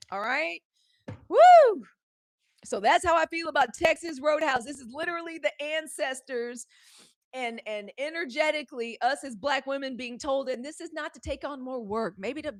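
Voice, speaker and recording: Animated woman hosting a live show. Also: high voice, dry recording, studio quality. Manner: animated, chatty, talks straight to viewers. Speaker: host of a live news show. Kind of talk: casual live-stream commentary.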